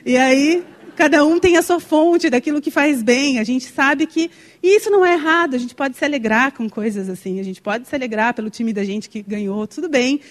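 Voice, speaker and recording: A woman's voice: high-pitched, normal speed. A young woman from Brazil, preaching a sermon and telling a personal story, heartfelt and full of exclamations. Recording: long hall reverb.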